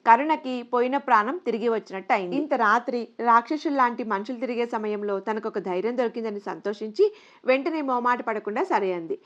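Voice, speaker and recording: A woman's voice: fairly high pitch, animated, fast, fairly bright tone, dull audio. Woman telling a storybook tale. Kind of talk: storybook narration.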